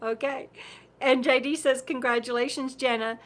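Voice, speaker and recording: There's slight background noise as this woman in her fifties hosts her casual livestream at a moderate pace. Her voice sits high with fairly even intonation, and though it's going hoarse, she keeps reading comments, rambling, chatting, laughing often and repeating words.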